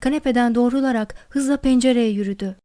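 A woman narrating an audiobook of a novella in a measured, expressive storytelling manner. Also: on the high side.

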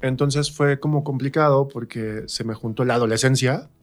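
Speaking at a moderate pace with a steady, medium-pitched voice, a man with a central Mexican accent shares personal stories as a radio interview guest. A stage actor, he casually performs the remarks he recalls as he goes.

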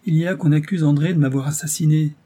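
A man reading the part of a proud, impetuous young woman who speaks in sharp, commanding bursts. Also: fairly high pitch, steady tone, quick pace, pitched above the performer's own voice, close to an everyday voice. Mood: impatient.

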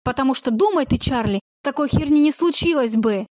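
A woman voicing a furious, betrayed young man who shouts bitter accusations, in an audiobook read in a dry close voice. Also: high voice, expressive, fairly quick, no echo. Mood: angry.

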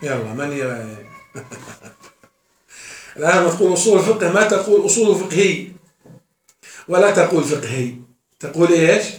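A man's voice: a little high, animated, fast. A man teaching a class as a sheikh, often asking his students questions and answering them himself. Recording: echoey room, mic far off.

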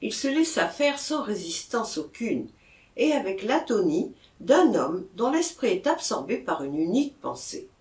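A reader narrating a classic novel in a slow, expressive storytelling manner. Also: mid-range voice. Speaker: audiobook reader. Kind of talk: literary audiobook narration. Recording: roomy echo.

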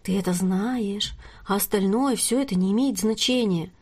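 A woman reading the lines of a smooth-talking, manipulative young male star in an audiobook, in a soft coaxing manner. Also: mid-range voice, normal speed, lightly acted. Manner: coaxing, murmuring.

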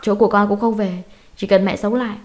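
A woman's voice: mid-range voice, steady tone, quick pace, darkish tone, pitched above the performer's own voice, lightly acted. A woman doing a desperate, furious young son. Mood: pleading.

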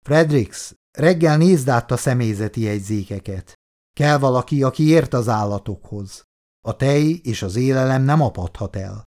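A man's voice: animated, darkish tone, natural voice. A man voicing a stern female colony leader. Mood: grim, commanding. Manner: low, steely, clipped.

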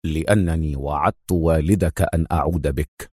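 A man plays a stern male lieutenant colonel in a spy audiobook, deep and much lower than the narrator's voice, slow and controlled. Every word lands firm and quiet in a dry, close recording. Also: breathy edge, no echo. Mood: firm, calm. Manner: low, firm and measured.

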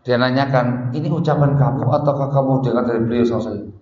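A man's voice: mid-range voice, steady tone, fast, a little mellow. Man preaching in an echoey hall. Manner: storytelling with Arabic phrases, repeats words for emphasis. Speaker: Islamic preacher. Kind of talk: religious lecture. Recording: muffled echoey hall recording.

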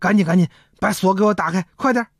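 A woman voicing a shrewd male chancellor who puts on loud, theatrical alarm. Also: medium pitch, fast talker, no room sound, clean studio sound, natural voice. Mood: amused.

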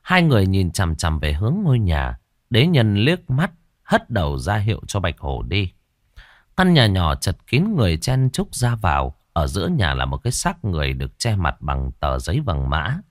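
A man narrating a ghost story with a lively, expressive delivery. His pitch moves widely as he tells it. The recording is close and dry. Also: normal speed, dry recording.

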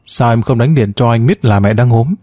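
An earnest, respectful young husband speaks politely to his family and the doctor, as a man voices him. His tone is warm and low in brightness, heard close and dry. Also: fairly quick, no echo, natural voice. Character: dutiful son-in-law, a worried young husband.

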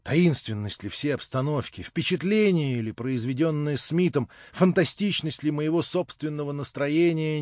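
A man narrating an audiobook of a classic novel in an earnest, measured way. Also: mid-range voice, a little mellow, dry recording. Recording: dull lo-fi dry recording.

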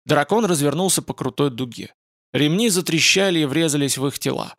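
Gravelly man narrating a fantasy audiobook. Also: fairly high pitch, a little fast, a bit bright, no echo, studio quality. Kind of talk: scripted narration of a fantasy novel.

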